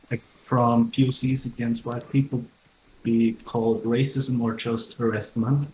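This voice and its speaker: A man in a casual online debate, talking haltingly with many fillers through a microphone that makes him sound robotic and metallic. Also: mid-range voice, a little mellow. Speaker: debate participant. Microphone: laptop microphone. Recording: echoey with faint noise.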